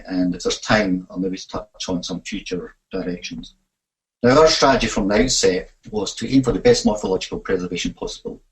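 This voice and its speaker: Broad Scottish man, gravelly voice. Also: on the low side, poor audio. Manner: hesitant, with frequent fillers and self-corrections. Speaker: imaging facility manager presenting a webinar. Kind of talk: technical webinar presentation.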